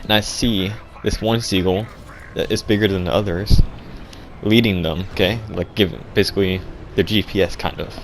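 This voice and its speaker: Deep-voiced man rambling a deadpan tall tale. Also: slight background noise. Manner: rambling, halting, full of restarts and fillers. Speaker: vlogger. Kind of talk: deadpan absurd storytelling.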